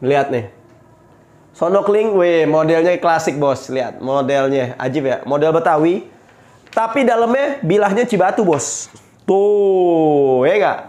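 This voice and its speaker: Expressive and a bit mellow, a fairly high-pitched man talks at a measured pace while presenting knives for sale, his nose stuffy from a cold. The casual showcase features upbeat, chatty sales talk punctuated by pious exclamations.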